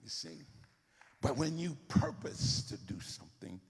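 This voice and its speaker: Raspy male preacher, pitch swings all over, egging the crowd on, big echoey church. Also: unhurried. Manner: animated, repetitive call-and-response with congregation. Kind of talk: sermon.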